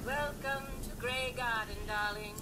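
A woman's voice: fairly high pitch, a little slow, a little hiss or hum. An actress voicing a flirty female robot supervisor who speaks in a sultry way and calls people darling. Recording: game audio with loud music.

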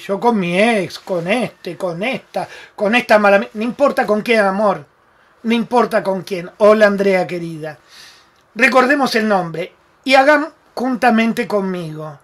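A man's voice: high-pitched, fairly bright tone. A man with an Argentine Spanish accent hosting a live-streamed self-help talk, emphatic and affectionate, calling viewers by name. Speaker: spiritual talk show host.

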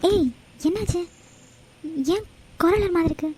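A woman's voice: very high-pitched, moderate pace, a little mellow, a little hiss or hum, poor audio. A woman voicing a young cartoon friend who scolds and worries in an exasperated way. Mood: scolding. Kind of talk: cartoon voice acting.

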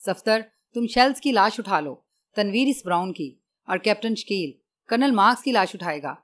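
A woman's voice: medium pitch, expressive, moderate pace, close to an everyday voice. A woman reading the lines of a cold, ruthless male secret agent in an audiobook, giving clipped, icy commands. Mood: grim.

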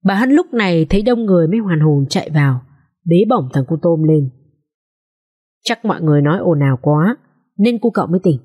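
A woman narrating a dramatic social drama audiobook in an expressive storytelling manner. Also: lowish voice, fairly quick, breathy edge.

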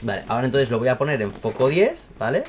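A young man with a Spain Spanish accent, casually explaining a camera problem in an animated, exaggerated way, full of fillers and swearing. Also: medium pitch, fast talker, slight background noise. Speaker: math teacher and YouTuber. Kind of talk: casual rambling tech explainer.

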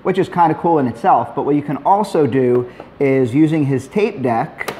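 A middle-aged man narrating a hands-on tutorial in a relaxed, plainspoken way, with dry asides. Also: on the high side, normal speed, slight background noise. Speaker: maker demonstrating a robot build.

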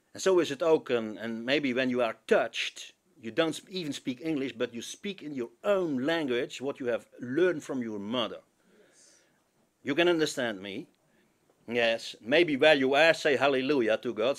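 Pastor from preaching, slow and lively, hits every word hard. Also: male voice, medium pitch. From Zeeland, Netherlands. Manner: switches between Dutch, English and French, emphatic preaching. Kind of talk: sermon.

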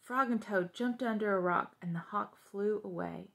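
A young adult woman reads a children's story aloud from her couch in a small living room, pausing for simple explanations aimed at young listeners. She speaks at a moderate pace in a medium-pitched, gravelly, fairly bright voice.

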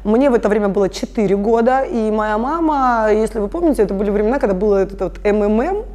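A woman's voice: mid-range voice, expressive, quick pace, darkish tone. A woman in her thirties, a family constellations facilitator, explaining her work earnestly in an interview. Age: 30s. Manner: earnest, explanatory, addresses listeners directly. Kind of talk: conversational interview.

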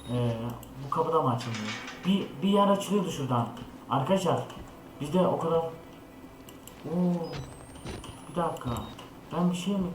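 A young man hosting a horror game let's play, talking to his viewers in a jittery, scared way. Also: fairly high pitch. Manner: jittery, talks to viewers, frequent scared remarks. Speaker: gaming channel host. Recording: echoey room with noise.

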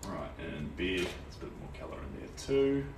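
A man's voice: sits low, very animated, moderate pace. A young man with a New Zealand accent chatting casually and encouragingly while he paints on a livestream. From Tauranga, North Island, New Zealand. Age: young adult. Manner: easygoing, encouraging, reads out viewers' comments. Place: small indoor art studio. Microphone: camera or phone a few steps away. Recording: roomy, distant mic, faint noise.

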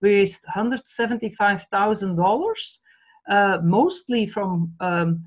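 A woman's voice: mid-range voice, lively intonation, slow, slightly rough, rough recording. Belgian woman with a Flemish accent. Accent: Flemish Dutch. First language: Dutch. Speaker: charity director. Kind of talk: video call interview. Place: home study with bookshelves. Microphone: laptop webcam video call.

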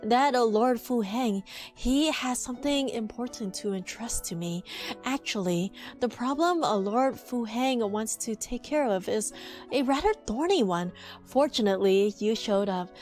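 A woman voicing a grateful, polite gentleman from a romance game, reading hesitantly. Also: on the high side, lively intonation, unhurried, faint music behind. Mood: relieved, grateful.

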